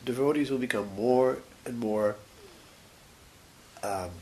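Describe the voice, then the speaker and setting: A man giving a scripture lecture as a religious teacher, short of breath, halting and pausing mid-sentence. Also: mid-range voice, a little mellow, poor audio. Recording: faint background hiss.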